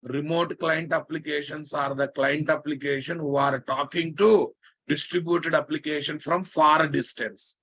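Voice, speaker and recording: A male programming instructor with a Telugu Indian accent leads a live technical lesson. His voice sits somewhat high for a man and his delivery is very slow. He repeats key phrases with emphasis and keeps checking that the class follows. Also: fairly even intonation, a bit bright, slightly rough. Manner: emphatic repetition with frequent check questions to students.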